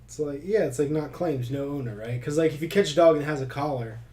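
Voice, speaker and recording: A man's voice: on the high side, fast talker, darkish tone, a little hiss or hum. A young man co-hosting a podcast, chatting casually and loosely with jokes and swearing. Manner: loose, profane, jokey. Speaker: podcast co-host. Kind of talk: casual chat.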